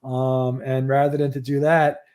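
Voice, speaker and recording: A man's voice: mid-range voice, little pitch movement, unhurried, a little mellow. A man hosting a livestream show, giving audio news in a loose, rambling casual chat.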